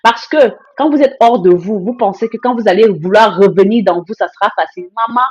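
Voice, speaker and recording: A woman's voice: medium pitch, fairly quick, a little mellow, slightly rough. A woman hosting a live stream, talking in a blunt, emphatic way with lots of repeated phrases and greetings to viewer comments. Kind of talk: casual live-stream monologue.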